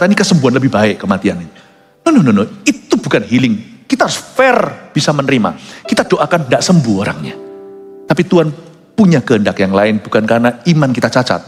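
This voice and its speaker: Preaching emphatically, a male pastor mixes English phrases into his sermon and swings from low asides up to loud, high peaks. The recording carries a long hall reverb with soft music underneath.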